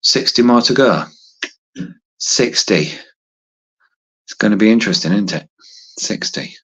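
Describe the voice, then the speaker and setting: A man in his fifties doing push-ups on a casual livestream recorded on a phone, chatting hesitantly and ramblingly to viewers in a slightly husky voice. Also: fairly low pitch, expressive, a little slow, fairly bright tone, low-quality recording. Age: 50s. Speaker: livestream host. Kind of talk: casual live chat to viewers.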